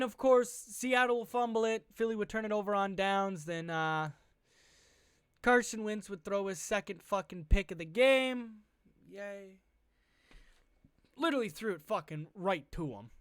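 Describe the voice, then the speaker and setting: Fan game recap, cursing nonstop, excitable, sarcastic, smooth clear voice, dry close sound. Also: mid-range voice, no echo. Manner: heavily profane, excitable and sarcastic. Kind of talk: casual recap commentary over game footage.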